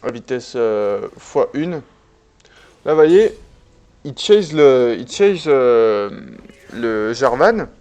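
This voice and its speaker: A man casually commenting on a replay of his own online game, relaxed and chatty, with many fillers and restarts. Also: medium pitch, very slow, long pauses, highs cut off.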